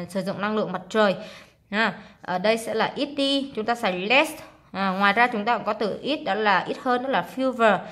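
A woman with a Vietnamese accent, an English teacher explaining exam answers in a relaxed way with many filler sounds. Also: medium pitch.

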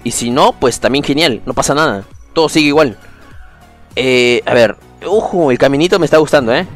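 A man streaming a video game, chatting casually with his viewers and breaking into excited exclamations. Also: mid-range voice, fairly quick, faint music behind. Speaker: gaming streamer. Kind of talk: casual livestream commentary.

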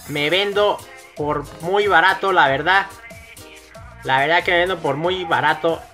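A man's voice: fairly high pitch, pushed and bright. A young man from northern Mexico with a northern Mexican accent, doing crude, joking gameplay commentary on a headset at home. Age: young adult. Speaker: gaming YouTuber. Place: home room at night.

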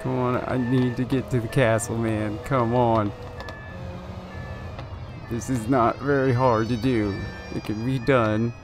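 Male gameplay commentator, measured slow delivery, fretful and pleading, music playing underneath. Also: mid-range voice, flat delivery. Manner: anxious, pleading, keeps urging the car on. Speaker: gaming video creator.

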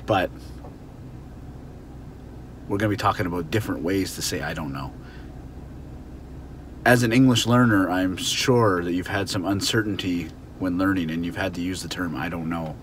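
A man's voice: low-pitched, normal speed, long pauses, slight background noise. A man giving a casual English lesson, chatty, acting out little example scenes. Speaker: English teacher. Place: outdoors near a car.

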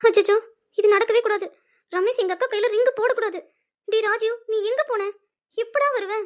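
A woman voicing an anxious younger sister who frets to herself in an animated web series. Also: extremely high pitch, a little fast. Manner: anxious, fretting.

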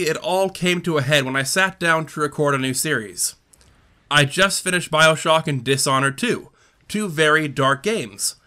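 A man who runs a gaming channel, speaking in a candid personal monologue, earnest and reflective with halting restarts. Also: fairly high pitch, pushed and bright. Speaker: gaming YouTuber.

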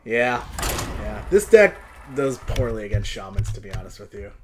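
A man's voice: on the low side, very animated, normal speed, crowd noise. A young man giving casual, slangy live game commentary to viewers, moving between exclaiming and muttering. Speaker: video game streamer. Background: game music.

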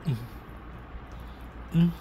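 A man's voice: very slow, background noise. A man hosting a casual eating show, talking with his mouth full and chewing, humming appreciatively between bites. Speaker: mukbang eating-show host.

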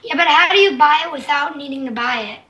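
Excitable young-sounding female gamer, stammering chatter, very high voice, distant-mic sound. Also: fairly quick, a little hiss or hum. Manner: excitable, stammering, repeats words. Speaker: gamer uploading a multiplayer session. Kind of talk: casual gameplay chat. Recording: voice from far off the mic.

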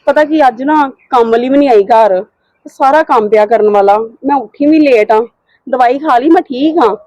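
A woman playing a tired, unwell young wife who pleads and tries to calm things down in a short home drama. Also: sits high, normal speed, no room sound, lightly acted. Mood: pleading. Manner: pleading, placating. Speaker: sister-in-law character. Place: home, indoors.

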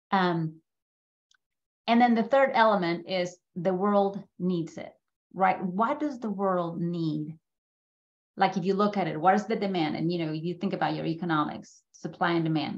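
A middle-aged woman from Mexico City speaks in a fairly low voice with vocal fry, and the audio is dull. As a guest speaker at a business school, she gives an informal slide presentation about her life over a video call from an indoor room, chatting conversationally and often checking in with listeners.

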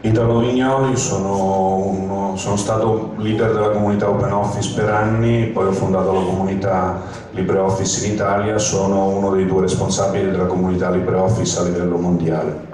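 A man's voice: deep voice, flat delivery, brisk, noisy background. An older man, a community leader, introducing himself matter-of-factly. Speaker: open-source community leader. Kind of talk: self-introduction. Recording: echoey hall, mic far off.

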